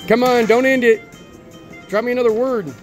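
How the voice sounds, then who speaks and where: A high-pitched man narrating his slot play in casual, excitable slang. He coaxes the machine aloud, with clear music playing around him on the casino floor. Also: a little fast. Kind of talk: casual excited gambling chat.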